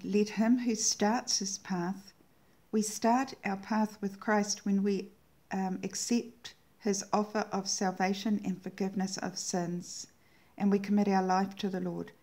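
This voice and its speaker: A woman hosting her own channel, sharing a devotional message in an earnest, reverent way and slowing down to dwell on key words. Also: medium pitch, dark tone. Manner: earnest and reverent, slows down to savor quoted words.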